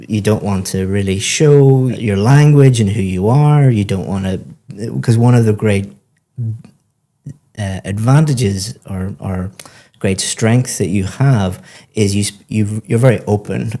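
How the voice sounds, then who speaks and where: A man with a low, mellow voice gives spoken feedback to a student. He coaches English test-taking and explains each point patiently and with encouragement. His tone stays calm and even.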